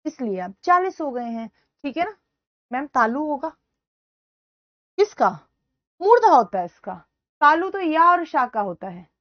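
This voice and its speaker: A woman teaching Hindi grammar in a live online class, loudly repeating each question and answer to her students. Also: high-pitched, no echo, lo-fi sound. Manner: loud speaker.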